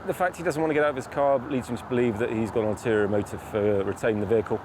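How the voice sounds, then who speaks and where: A male police officer explaining procedure in a firm, measured manner with formal wording, unscripted. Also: medium pitch, steady tone, background noise.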